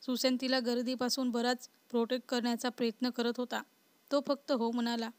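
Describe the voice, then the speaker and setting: A woman narrates a spoken story in an even, unhurried voice. Her pitch sits a little high and stays flat, with little rise and fall. The sound is dry and close, with no room around it. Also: no room sound.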